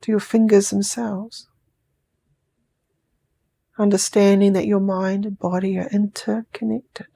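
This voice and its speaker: A New Zealand woman delivers sleep hypnosis in a medium-pitched voice that is creaky, mellow and level in tone. Her soothing phrases come slowly and stretched out, sometimes softening to a whisper.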